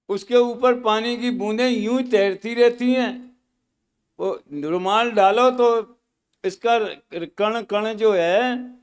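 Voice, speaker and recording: A man's voice: high-pitched, clear, resonant tone. A man teaching scripture at a study camp, explaining terms patiently with homely examples and repeating key words.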